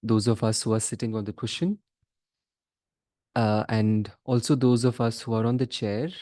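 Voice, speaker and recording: In this guided meditation, the teacher is a man whose lowish, warm voice stays flat as he offers measured short phrases with pauses in between. The sound is clean studio quality with no room sound.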